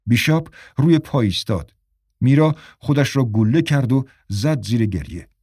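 A man narrating a story in a measured, even way for an audiobook. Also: medium pitch, breathy edge, no room sound, clean studio sound.

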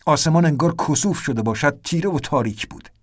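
A man narrating an audiobook adventure in a tense, vivid storytelling manner. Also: on the high side.

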